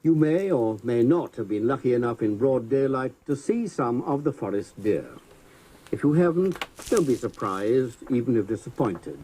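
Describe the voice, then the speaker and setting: A man reading scripted driving-tour directions in a measured way, heard through a wobbly tape warble from an old cassette player. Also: lively intonation, warm tone, slight background noise, low-quality recording. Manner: measured, carefully paced directions. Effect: wobbly tape warble from an old cassette player with high wow and flutter. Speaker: tour guide narrator.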